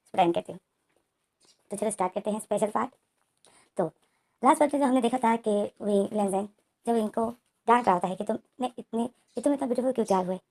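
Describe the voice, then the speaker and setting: A woman's voice: on the high side, dark tone. A woman casually retelling a romance story, narrating the plot and speaking the characters' lines in her own voice. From India.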